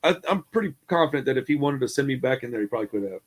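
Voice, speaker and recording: Fast-talking profane man telling stories. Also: mid-range voice. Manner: animated, profane, acts out the people in his stories. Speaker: podcast co-host. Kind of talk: casual storytelling.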